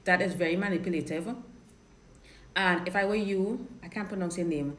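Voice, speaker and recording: A Trinidadian dating coach answers viewer questions on a live stream, speaking frankly and chattily in her Trinidadian accent. Her voice is on the low side at a moderate pace, she repeats and restarts words, and the audio is roomy with faint noise.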